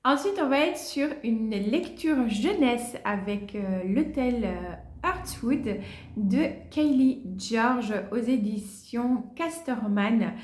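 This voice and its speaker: Woman book vlogger with a higher voice; casual, filler-heavy chat, showing books to the camera in a roomy, echoing space. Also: slow, slight background noise. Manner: chatty, many fillers and soft asides. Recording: echoey room.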